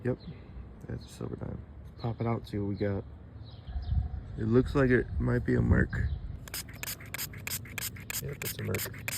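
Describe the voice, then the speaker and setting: A man's voice: mid-range voice, steady tone, measured pace, creaky, pauses often. A man casually narrating his metal detecting finds to viewers with wonderstruck exclamations, recorded outdoors. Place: outdoors in a torn-out street. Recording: noisy outdoor recording with ambient sounds.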